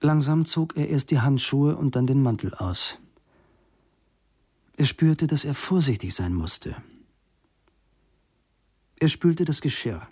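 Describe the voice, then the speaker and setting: A man reading a story aloud in a calm, measured narration. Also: medium pitch, slightly rough, no room sound, clean studio sound. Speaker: audiobook reader. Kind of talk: scripted narration.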